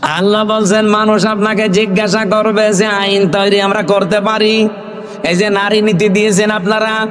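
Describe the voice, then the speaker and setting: A man with a Bangladeshi accent preaching an Islamic sermon in a booming, forceful voice, prompting his listeners with questions. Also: flat delivery, normal speed. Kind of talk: waz sermon to an audience. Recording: long reverb of a PA system.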